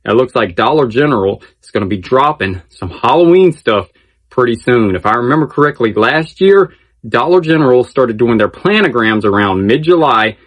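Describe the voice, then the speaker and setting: A man's voice: medium pitch, expressive, moderate pace, muffled recording. A man hosting a casual update video, chatty and enthusiastic, repeating phrases for emphasis. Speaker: video channel host. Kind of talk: casual news-update commentary.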